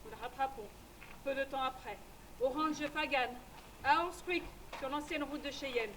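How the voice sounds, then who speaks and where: A woman's voice: sits high, moderate pace, fairly bright tone, a little hiss or hum, low-quality recording. A woman narrating as a tough frontierswoman. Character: tough frontier woman recounting her adventures. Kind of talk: first-person scripted narration.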